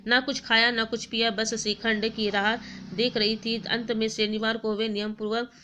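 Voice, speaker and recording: Bright-voiced woman teacher explaining a story. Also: on the high side, flat delivery, moderate pace, slight background noise. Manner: stops often to explain words, many fillers and self-corrections. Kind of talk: retelling and explaining a story for a class.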